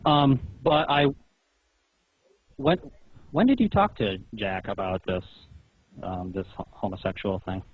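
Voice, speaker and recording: On a recorded phone call that sounds muffled and roomy, a man speaks in a fairly low, sing-song voice at a measured pace with long pauses. He questions and explains pointedly, in an insistent, lecturing way.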